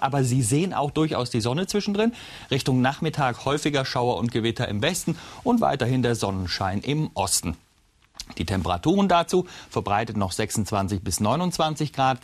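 Man, weather presenter, lively chatty delivery, broadcast forecast, points at the map. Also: medium pitch.

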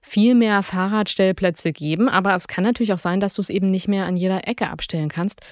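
A woman co-hosts a radio feature and explains ideas in a clear, lively way. Her voice is mid-pitched and recorded dry and close. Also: fairly quick, no echo. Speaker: co-host. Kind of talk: scripted radio feature chat.

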